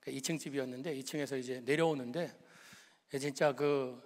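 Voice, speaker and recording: A middle-aged man preaching, a pastor telling a personal story with emotion, moving between lively and hushed tones. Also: mid-range voice, a little fast, in a large hall.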